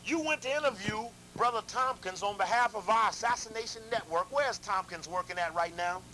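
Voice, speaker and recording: Guy giving a fired-up talk to a crowd, high bright voice, faint hum behind. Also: a little fast. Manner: animated, addresses audience directly, repeats and restarts. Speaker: lecturer. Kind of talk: lecture to a live audience.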